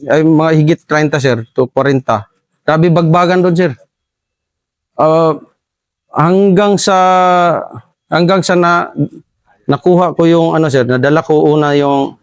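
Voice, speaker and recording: A man recounts a long firefight in a fairly high voice, stopping and restarting often and calling his listener "sir". The sound is dry and close, with little room around it. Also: dry recording. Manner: halting, addresses listener as sir repeatedly. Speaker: soldier recounting combat. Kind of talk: first-person war story interview.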